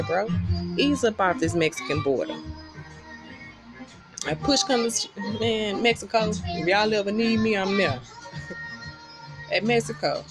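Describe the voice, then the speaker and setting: A woman from Texas delivering a heated political rant to camera, blunt and profane, repeating lines for emphasis. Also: mid-range voice. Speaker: vlogger. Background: music.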